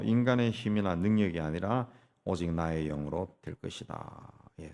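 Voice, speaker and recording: A man's voice: sits low, vocal fry, darkish tone. A middle-aged man preaching a dawn prayer-meeting sermon, repeating key phrases and punctuating with short affirmations, with sudden emphatic rises. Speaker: pastor. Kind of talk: early-morning prayer sermon.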